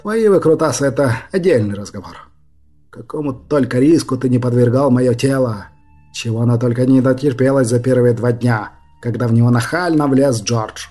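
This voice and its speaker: A man's voice: mid-range voice, normal speed, warm tone, faint music behind, close to an everyday voice. Man doing an indignant grumbling dragon. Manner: aggrieved, blustering. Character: big grumpy young male dragon, indignant complainer. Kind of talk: audiobook character voice.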